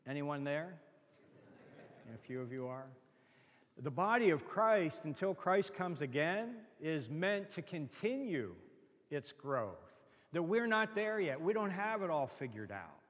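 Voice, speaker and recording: A man's voice: fairly high pitch, big pitch swings, unhurried. A man preaching a sermon as the congregation's pastor, earnest, with emphatic rising lines and easy asides to the people in front of him. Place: church sanctuary. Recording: long reverb of a church hall.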